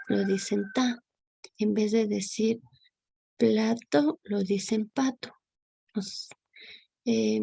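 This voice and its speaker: A young woman giving a class presentation, halting with many fillers and restarts. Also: medium pitch, vocal fry, mellow, breathy edge, no echo. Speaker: student presenter.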